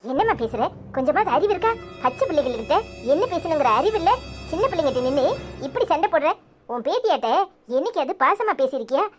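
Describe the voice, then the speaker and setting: A woman's voice: sits high, big pitch swings, fast, faint music behind. A woman voicing an outspoken village woman in a cartoon who lectures indignantly, with a Tirunelveli Tamil accent. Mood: scolding. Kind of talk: cartoon voice acting.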